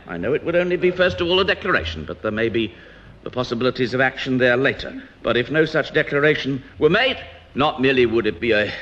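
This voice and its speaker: A man's voice: medium pitch, a bit bright. A man, a member of Parliament in opposition, giving a declamatory debate speech in the House of Commons, firing pointed rhetorical questions. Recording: dull, faintly noisy 1982 off-air radio recording.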